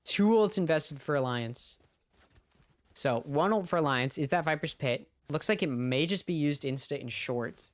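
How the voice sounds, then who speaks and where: A man's voice: on the high side, lively intonation, moderate pace, dry recording. A man streaming a watch party, giving casual play-by-play commentary on an esports match and talking straight to his chat.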